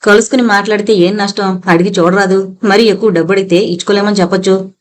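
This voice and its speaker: A woman's voice: medium pitch, fairly even intonation, quick pace, close to an everyday voice. A woman voicing an earnest, persuasive young daughter in an audiobook reading.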